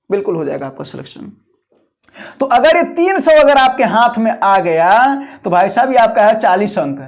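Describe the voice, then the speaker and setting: Coaxing man teaching. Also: sits high. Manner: repetitive, coaxing, colloquial exhortation. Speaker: coaching teacher. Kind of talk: exam guidance talk to students.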